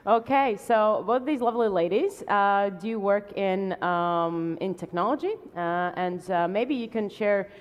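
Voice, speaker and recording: A woman moderating a tech panel, introducing guests with many fillers and a friendly, halting way of speaking. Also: medium pitch. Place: conference stage. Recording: long hall reverb.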